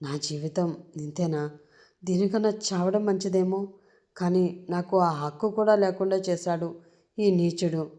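A woman's voice: lowish voice, measured pace, warm tone, close to an everyday voice. A woman voicing a tearful pleading young bride. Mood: despairing. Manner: pleading, crying.

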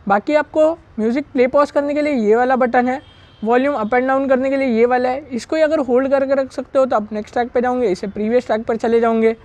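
Her voice is high-pitched and darkish, holding a steady tone as she moves fast through installing a product. This gear reviewer keeps it casual, chatting and explaining as her hands do the work.

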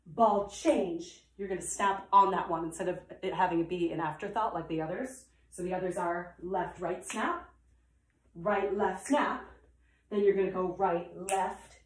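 A woman's voice: lowish voice, measured pace. Woman dance instructor, counts steps in rhythm between chatty asides; roomy echo. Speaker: dance teacher. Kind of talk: counting through a dance combination. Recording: echoey room.

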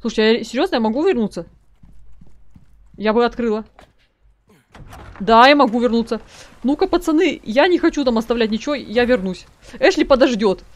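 A woman's voice: on the high side, expressive, moderate pace, long pauses. Chatty woman narrating her gameplay. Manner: chatty, talks to viewers as "guys", reads notes aloud. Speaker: let's play gamer. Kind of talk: casual gameplay commentary.

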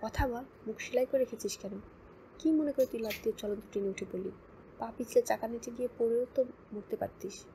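Woman reading as a bossy young man, gruff and barking, gravelly edge, dark tone. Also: a little high, fairly even intonation, brisk, a little hiss or hum. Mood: scolding. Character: bossy young man, blustering trip leader.

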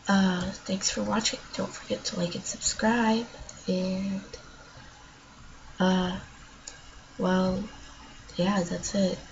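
A woman's voice: medium pitch, little pitch movement, slow, vocal fry, long pauses, slight background noise. A female channel host with a stuffed-up nose, chatting casually and rambling through gameplay commentary. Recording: dull lo-fi home recording.

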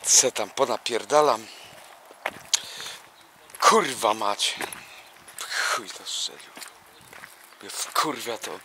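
A man's voice: lowish voice, extremely slow, long pauses, bright, forceful tone. A young man walking through a housing estate, filming himself on a handheld camera and grumbling with constant swearing. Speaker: vlogger. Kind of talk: rambling walking vlog monologue. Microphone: handheld camera while walking. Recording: faint outdoor noise. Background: outdoor ambience, a dog nearby.

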